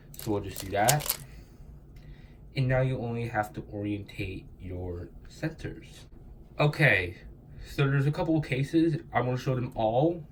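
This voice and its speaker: In a mid-range voice with slight background noise, a young man with cold-clogged sinuses rambles casually through puzzle steps as host of a cubing tutorial.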